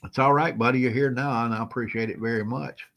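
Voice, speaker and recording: A man's voice: medium pitch, fairly even intonation, fast, gravelly, a bit bright. Folksy man hosting a live stream. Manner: folksy, chuckling, greets viewers by name. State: feeling unwell, moving slow. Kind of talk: casual live-stream chat.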